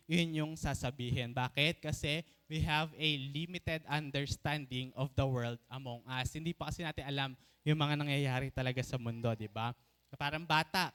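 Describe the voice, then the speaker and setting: A man preaching a sermon in Tagalog mixed with English, often asking the congregation for an amen and slowing down to stretch out key phrases. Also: medium pitch, fairly bright tone, clear, resonant tone.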